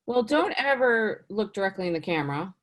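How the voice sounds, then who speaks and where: Woman, casting director, casual interview, chatty, animated, frequent fillers. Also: brisk. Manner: chatty, lots of "you know" and "like"; lively, swings up in pitch for emphasis.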